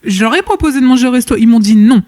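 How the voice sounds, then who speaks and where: A woman's voice: a little high, lively intonation, quick pace, darkish tone. Chatty woman podcast guest. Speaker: guest, restaurant owner. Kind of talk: casual chat.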